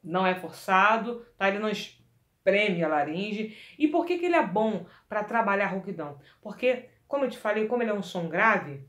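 A woman singing teacher giving a lively vocal lesson, coaching the listener directly and demonstrating exercises. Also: mid-range voice, normal speed. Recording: echoey room.

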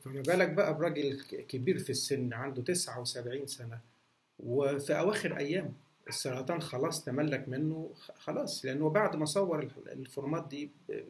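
A man's voice: mid-range voice, fast, a little hiss or hum. A man with an Egyptian Arabic accent, a martial arts instructor answering viewer questions in a casual talk, full of fillers and restarts. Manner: hesitant, many restarts and fillers. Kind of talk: casual Q&A monologue.

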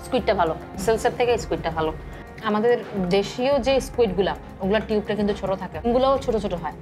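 A woman's voice: medium pitch, animated, very fast, music in the background. A woman with a Bangladeshi Bengali accent, giving a chatty food review in a restaurant. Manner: chatty, mixes English words into her talk. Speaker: food vlogger. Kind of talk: casual food review to camera.

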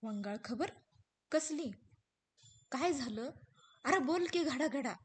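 A woman's voice: high voice, animated, slow, voice pushed up. A woman voicing a devoted young village wife in rural Marathi dialect, pleading and raised. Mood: alarmed. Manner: pleading, raised rustic speech.

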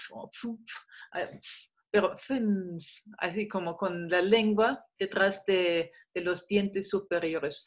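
Chatty woman teaching online. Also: medium pitch. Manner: relaxed, frequent fillers, slow modelling of German sounds. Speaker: German teacher. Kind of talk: online class. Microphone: video call.

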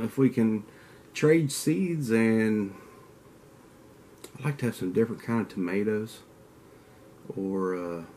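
This outdoors channel host, a Kentucky man in his forties with a southern drawl, rambles to camera from a desk webcam in his antler-decorated den, trading teasing trash talk in a casual vlog. His medium-pitched voice is darkish, with a little hiss or hum.

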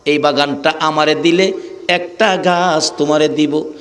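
A man voicing a greedy, scheming orchard owner in a sermon tale, bargaining in low quiet mutters. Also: steady tone, measured pace.

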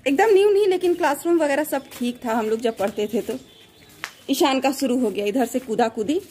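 A woman's voice: high-pitched, lively intonation, brisk, dark tone, a little hiss or hum. A middle-aged woman from Bihar with a Bihari Hindi accent, vlogging on a walk through an old village school while guiding her son. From Bihar, India. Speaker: vlogger and mother. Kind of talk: casual walking vlog. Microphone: phone held at arm's length.

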